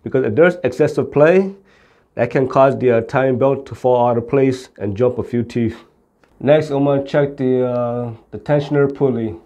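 On camera, a middle-aged auto repair instructor explains car repair in plain, step-by-step fashion. His medium-pitched voice has a dark tone and a moderate pace.

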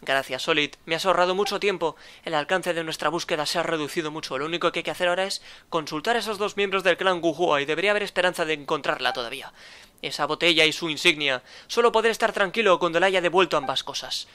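A man's voice: on the high side, fast, pushed and bright, clean tone. A man with a Spain Spanish accent voicing an earnest, dutiful male public official in a game, polite and formal.

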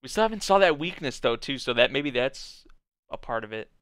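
A young man comments casually as he watches, thinking aloud in halting, informal bursts. His voice is very clean and smooth with a bright edge. It is picked up dry and close on a headset in a small room. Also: mid-range voice, expressive, dry recording. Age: young adult. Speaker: anime reaction video host. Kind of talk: casual live reaction commentary. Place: small indoor bedroom or study.

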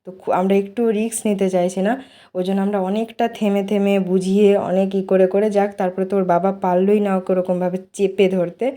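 A woman's voice: medium pitch, level tone, fast, dark tone. A woman narrating her family vlog in a chatty, casual way, with many small fillers. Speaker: vlogger and mother.

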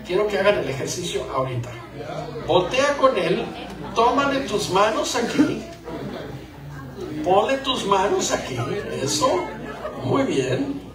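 A man's voice: high voice, big pitch swings, unhurried, long pauses, echoey room, recorded from a distance, a crowd in the background, low-quality recording. A man gives a joking live talk to couples about marriage and acts out little scenes. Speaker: conference speaker on marriage.

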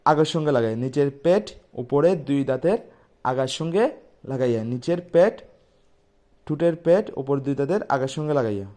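A man teaching pronunciation, repeating each sound slowly and loudly before explaining calmly. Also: a little high. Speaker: Quran recitation teacher. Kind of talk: letter-by-letter pronunciation lesson.

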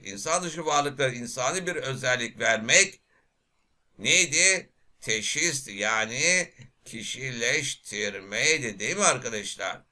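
A man teaching literature for an exam, reading verses aloud and asking his class lively questions he answers himself. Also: mid-range voice. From Turkey. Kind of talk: exam prep lecture.

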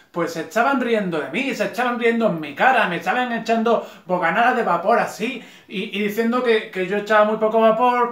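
A man's voice: high-pitched, fairly bright tone, roomy sound. A man with a Spanish accent talking casually from his sofa, ranting with sarcasm and many restarts. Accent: Spanish from Spain. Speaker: vlogger. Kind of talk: casual opinion vlog. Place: home living room, on a sofa.

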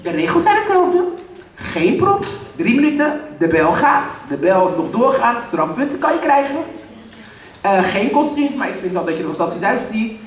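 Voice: mid-range voice, very animated, moderate pace. A playful host running a poetry slam, announcing the rules with jokes and English catchphrases. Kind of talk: lively stage hosting. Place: reading room at a poetry slam, audience present. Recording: roomy hall with audience, voice from a distance.

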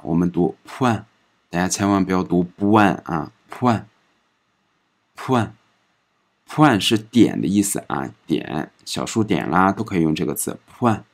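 A man teaching a recorded pronunciation lesson, patiently explaining and saying each example word several times in a drawn-out way. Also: deep voice. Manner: patient explaining, ends phrases with soft particles. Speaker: French language teacher.

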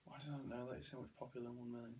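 A man's voice: medium pitch, level tone, racing, darkish tone, a little hiss or hum. A British teenage man trading casual quiz banter on a sofa indoors. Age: teens. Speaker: challenge participant. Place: living room sofa, indoors. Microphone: camera a short distance away.

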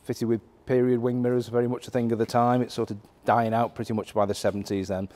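A middle-aged man speaks at a quick pace in a medium-pitched voice during a relaxed, off-the-cuff auction walkaround of a classic car inside a large indoor warehouse. He often fills gaps and restarts his sentences.

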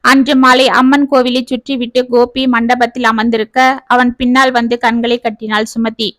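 A woman narrating a family tale with a high, bright voice. She reads steadily, close to the mic in a dry, deadened space. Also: moderate pace, dry recording. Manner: steady storytelling. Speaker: storyteller. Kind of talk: scripted narration.

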